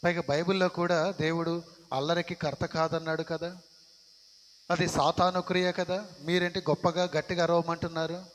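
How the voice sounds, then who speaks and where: A man voicing a prim, reserved churchgoer who politely protests in a hushed voice. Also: fairly high pitch, little pitch movement, normal speed, voice pushed down, close to an everyday voice. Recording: long reverb of a church hall.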